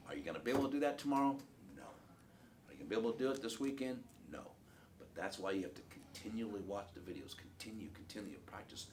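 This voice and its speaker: A man's voice: low voice, noisy background. A man giving a blunt, profane sales training talk to a group in a training room.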